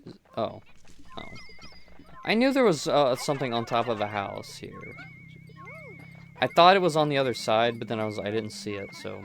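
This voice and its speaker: A man giving relaxed, rambling gameplay commentary, often correcting himself as he talks into a close microphone. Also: medium pitch, normal speed, creaky, long pauses, slight background noise. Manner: rambling, self-correcting, chatty. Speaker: gameplay streamer. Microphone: close desk microphone.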